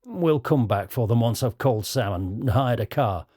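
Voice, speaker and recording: A man voicing a calm, practical young man who leads his friends, with a British accent. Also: medium pitch, normal speed, no room sound, clean studio sound, natural voice. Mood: concerned.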